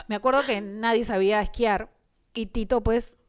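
A woman's voice: a little high, steady tone, moderate pace, clean tone. A woman, co-hosting a podcast and telling funny stories in casual chat, often laughing through the punchlines. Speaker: podcast co-host.

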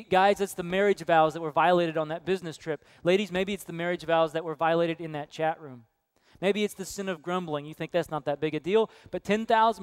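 A man preaching a sermon to his congregation, earnest and direct, telling stories with hushed quoted voices. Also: a little high, clear, resonant tone, dry recording. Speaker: pastor. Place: church sanctuary.

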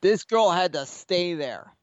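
A man co-hosting a casual betting podcast, swearing freely and slipping into quick impressions of the people in his stories. His voice sits a bit high. The recording is dry and somewhat dull, like home podcast gear. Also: animated, no room sound. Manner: rambling storyteller, swears freely, acts out quotes. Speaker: podcast co-host. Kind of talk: casual sports betting chat.

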